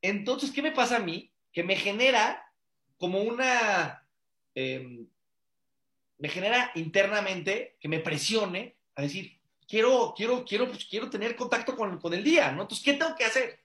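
This fairly high-voiced adult rabbi and father gives an earnest, conversational religious class at normal speed, sounding animated, pushed, and bright. The room echoes clearly as he repeats phrases for emphasis and keeps posing rhetorical questions.

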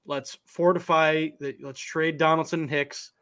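A young man co-hosting a casual sports podcast, easygoing and opinionated, talking in quick bursts. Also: fairly high pitch, fairly even intonation, fairly bright tone. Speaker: podcast co-host.

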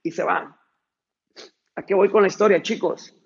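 A man's voice: sits high, fairly even intonation, normal speed, creaky, breathy edge, highs cut off. A man giving an emphatic, repetitive motivational talk to a team and telling a story. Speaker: motivational speaker addressing a team.

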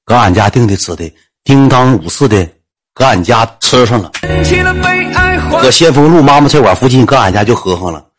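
A man with a Northeastern Chinese accent telling a comic story in a lively, colloquial way. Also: mid-range voice, moderate pace, breathy edge, soft background music. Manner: lively, colloquial, acts out voices.

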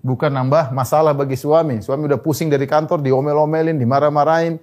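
With fairly even intonation, a man preaching as an Islamic preacher jokes and laughs through his sermon. Arabic phrases come out in a slow drawl, and his voice rises high and loud when he urges the audience.

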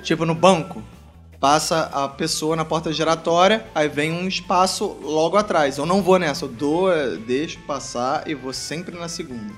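A man's voice: a little high, moderate pace, fairly bright tone, faint music behind. A man with a Brazilian Portuguese accent, telling his habits in a hesitant, rambling way. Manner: hesitant, rambling with many restarts. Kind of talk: casual group chat.

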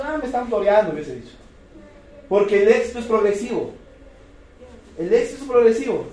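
A man with a Peruvian accent giving an energetic motivational sales talk, firing rhetorical questions and repeating key words. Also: sits high. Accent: Peruvian Spanish. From Peru. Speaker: business presenter. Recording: echoey room, distant mic.

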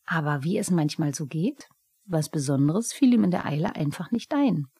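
Woman, storybook narrator, lively melody, slightly husky, dry close sound. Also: sits low, moderate pace, no echo. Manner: lively expressive reading.

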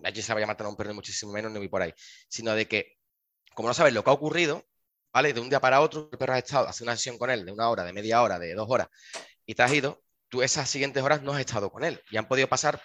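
Fast-talking Spanish man telling stories. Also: mid-range voice. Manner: animated, acts out dialogue in his anecdotes. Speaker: dog shelter worker. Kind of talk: casual chat, storytelling.

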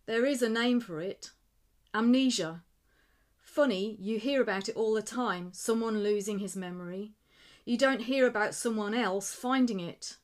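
A woman reading the part of an eager young man who wants to be a writer, talking with rising excitement. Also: high voice, lightly acted. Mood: calm. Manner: excited, quick, rising with enthusiasm.

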